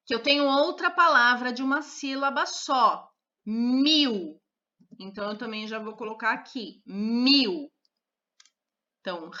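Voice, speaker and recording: Woman, grade-school teacher, patient repetition, somewhat high voice, muffled recording. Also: bright, forceful tone. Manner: spells out syllables slowly and repeats each word. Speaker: third-grade Portuguese teacher. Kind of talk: slow, careful classroom lesson. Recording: dull lo-fi recorded lesson.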